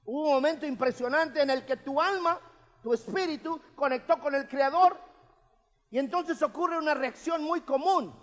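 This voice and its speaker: A man's voice: extremely high pitch, moderate pace, a bit bright. A man, preaching a sermon as pastor in a conversational way, often checking in with his listeners. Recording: long hall reverb.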